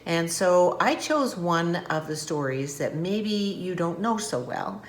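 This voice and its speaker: Lively older woman reading aloud. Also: lowish voice, takes it slowly. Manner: warm, chatty, playful asides. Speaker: guest reader. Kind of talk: reading a picture book aloud to children.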